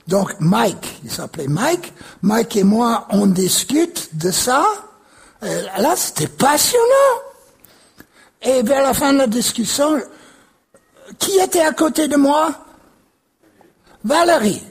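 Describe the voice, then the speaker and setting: A man preaching a sermon and telling a story, leaning into repeated words with animated emphasis. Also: very high-pitched, slow, vocal fry, long pauses, breathy edge. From United States.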